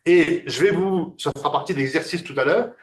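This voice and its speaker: A man's voice: a little high, fairly quick. Hesitant lecturer, man, echoey room. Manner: hesitant, many fillers and restarts. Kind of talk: classroom lecture.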